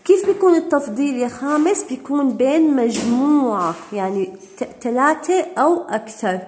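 A woman English teacher gives a recorded grammar lesson, slightly high in pitch. She drags out each English example word slowly. Her explanations in between come quicker and plainer. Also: expressive, darkish tone, a little hiss or hum. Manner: switches between slow, deliberate English and quick Arabic explanations; stretches out English example words.

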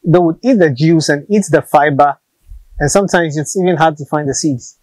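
A man in his thirties with a Ghanaian English accent, a snail farmer, explains his farm practice from an open-sided shelter outdoors, speaking into a lapel mic. His voice is on the high side and a little mellow, at normal speed, with no room sound. He comes across as patient and practical, often repeating words.

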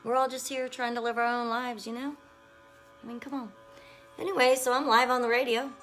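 A woman with a fairly high, fairly bright voice speaks a little fast, with little pitch movement. Hosting a live stream and radio show, she gushes bubbly excitement straight to her viewers over a phone or webcam, music playing behind her.

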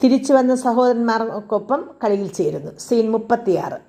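Mellow higher-voiced woman reading a script. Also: brisk. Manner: steady, even reading pace, announcing scene headings. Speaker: narrator reading a documentary script. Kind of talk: read-aloud script narration.

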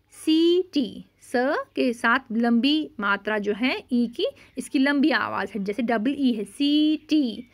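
A woman teaching a vocabulary lesson, patiently repeating words and explaining each one with English glosses. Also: a little high.

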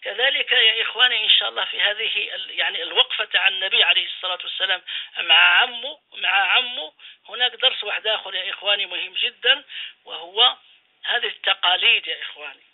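A man's voice: high voice, quick pace. A man, an imam, preaching a radio sermon, exhorting his listeners with repeated phrases and rhetorical questions. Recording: phone-line radio call-in.

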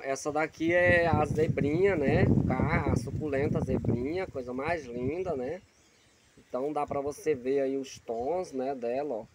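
A man's voice: fairly high pitch, low-quality recording. Chatty man touring his garden plants. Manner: chatty, repeats "né?" after almost every phrase. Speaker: channel host showing his plants. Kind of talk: casual plant tour vlog. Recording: loud outdoor noise behind.

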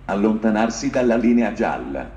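A man making a train station announcement over a public address loudspeaker, calmly and formally listing the stops and coach positions. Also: on the low side, moderate pace, a little hiss or hum. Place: railway station platform. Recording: echoey loudspeaker in open station.

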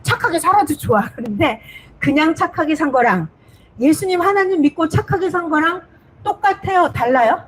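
High-voiced woman preaching with repeated emphasis. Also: expressive, normal speed, poor audio. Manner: repeats words for emphasis, asks the listeners questions. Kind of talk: children's-style sermon storytelling.

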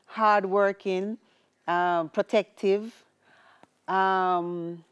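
A woman, a guest telling her life story in casual chat, animated and laughing often. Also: medium pitch, extremely slow, clear, resonant tone, lo-fi sound.

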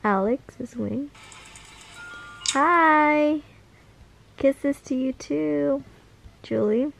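Tired young woman gushing, slow and gravelly. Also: sits high, soft background music. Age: young adult. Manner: gushing, affectionate, drawn-out. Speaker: vlogger reading fan messages. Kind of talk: casual vlog chat.

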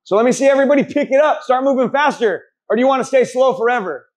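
A man's voice: extremely high pitch, fast. A man coaching a boxing class, blunt, profane and motivational, urging trainees on and quizzing them as he teaches drills. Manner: asks the group questions and answers them. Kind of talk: hands-on drill instruction to a class. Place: boxing gym during a group class.

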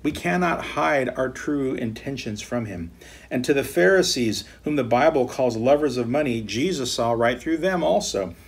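A middle-aged American man, a pastor teaching Bible study from his home office desk, earnestly reading scripture aloud with slow emphasis. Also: mid-range voice, expressive, husky.

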